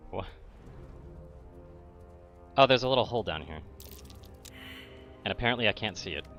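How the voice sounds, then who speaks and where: A man's voice: on the low side, animated, moderate pace, a bit bright, dull audio, faint music behind. A young man playing a co-op game, chatting casually, swearing and arguing about rules. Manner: argumentative, swears a lot, pedantic about rules. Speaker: co-op gamer. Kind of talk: casual gaming chat.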